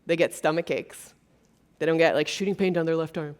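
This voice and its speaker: Low-pitched and a little mellow, this woman from Brazil talks a little fast with fairly even intonation. She's the keynote speaker on a conference stage in front of an audience, speaking earnestly and conversationally with frequent fillers.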